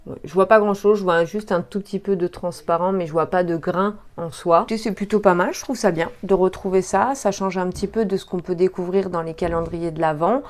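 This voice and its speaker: A woman talks her viewers through an unboxing in a casual, chatty way. She often hesitates and fills pauses as she goes, in an easy vlog tone. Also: lowish voice, fairly even intonation. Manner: chatty, hesitant, many fillers. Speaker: beauty vlogger.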